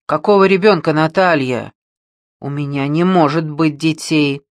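A man playing a bitter, short-tempered man who shouts in anger. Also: a little high, a little slow, no room sound, clean studio sound. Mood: angry. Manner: loud, shouting, gruff.

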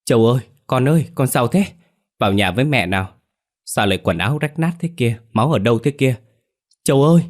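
A man's voice: fairly low pitch, big pitch swings, fairly quick, a little mellow, husky. A man voicing a frightened middle-aged mother, crying out about her daughter. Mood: screaming. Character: frantic middle-aged mother, tearful and shrill.

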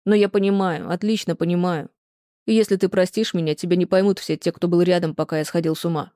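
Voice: medium pitch, fairly even intonation, fast talker, warm tone, no echo, natural voice. An audiobook reader voicing a remorseful ex-husband who pleads and reproaches himself in a plain, close, dry read. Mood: pleading. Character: remorseful ex-husband pleading with his former wife.

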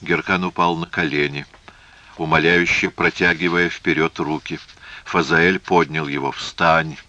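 A man narrating a historical novel as an audiobook in a measured, steady reading. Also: deep voice, muffled recording.

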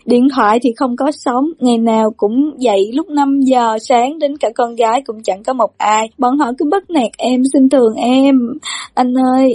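A woman's voice: a little high, dark tone, no echo, studio quality, lightly acted. A woman voicing a panicked young man who wails and pleads through tears. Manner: wailing, pleading, crying. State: crying.

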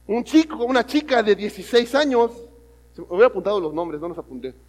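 A man preaching a sermon, telling a story and swinging from loud emphatic lines to hushed ones. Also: sits high, expressive, fast. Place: church hall. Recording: long reverb of a church hall.

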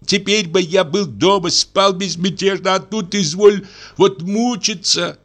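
A man's voice: high-pitched, unhurried, fairly bright tone, voice pushed up. A man reading aloud and voicing an indignant, exhausted guest who grumbles about his host. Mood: indignant, weary. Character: weary, thirsty male guest, grumbling and indignant.

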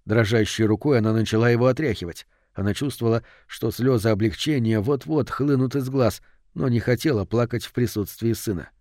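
A man narrating an audiobook in a measured, suspenseful way. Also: mid-range voice, darkish tone, dry recording, clean studio sound.

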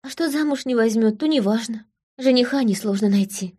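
A woman voicing a quiet, lovesick young village woman who is stubborn in her devotion. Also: fairly high pitch, fairly quick, husky, pitched above the performer's own voice. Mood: devoted.

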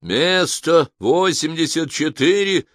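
A man voicing a computer announcer that calls out verdicts in a slow, loud, proclaiming way. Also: on the high side, expressive, dry recording, clean studio sound, voice pushed up. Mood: booming.

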